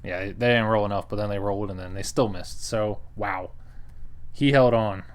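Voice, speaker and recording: A man's voice: lowish voice, moderate pace, smooth. A man giving a casual, wry recap of a board game he played, often laughing and quoting the table. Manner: wry, chuckling, acts out table quotes.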